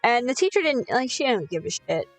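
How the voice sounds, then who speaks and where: Young woman gaming and venting, sweary and self-mocking, slightly high voice, faint game music behind. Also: sing-song, a little fast. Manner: rambling, sweary, self-deprecating. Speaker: gaming streamer. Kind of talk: casual storytelling while gaming.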